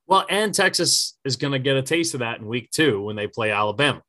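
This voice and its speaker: A man co-hosting a casual sports podcast, telling stories in a lively way, swearing freely and acting out what others said. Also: mid-range voice, brisk. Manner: animated storytelling, swears freely, acts out quotes. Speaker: podcast co-host.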